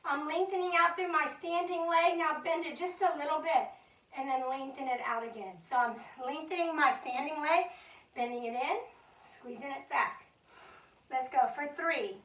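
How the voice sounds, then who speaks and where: A woman's voice: high voice, moderate pace, fairly bright tone. A woman instructor leading a Pilates chair class, counting reps and encouraging the group, a little out of breath. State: slightly out of breath. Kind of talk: live fitness class cueing. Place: fitness studio. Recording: echoey studio from far off.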